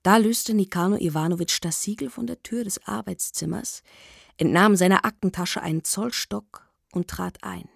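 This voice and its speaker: A woman reading a novel aloud in measured, expressive scripted narration. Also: medium pitch, vocal fry, breathy edge, dry recording, clean studio sound. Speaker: audiobook reader.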